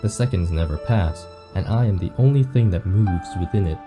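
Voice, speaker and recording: A man reading the lines of a weary, morbid undead painter from a visual novel, slowly and somberly. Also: deep voice, expressive, over music. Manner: slow, somber reading of game text.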